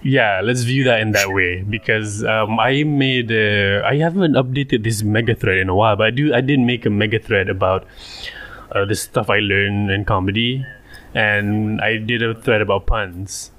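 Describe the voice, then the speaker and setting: A man with a Malaysian accent hosting a casual podcast, often halting and interrupting himself as he talks. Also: on the low side, a bit bright. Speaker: podcast host.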